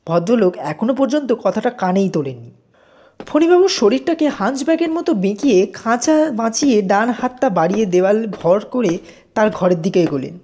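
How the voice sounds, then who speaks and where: Speaking at a moderate pace in a mid-range voice, a woman narrates a scripted audio story with an expressive storytelling style.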